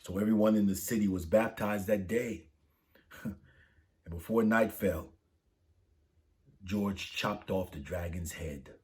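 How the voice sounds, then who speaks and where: This storybook reader speaks low and slowly, leaving long pauses as he tells children a saint's story. He keeps things lively, lifting his voice for quoted speech.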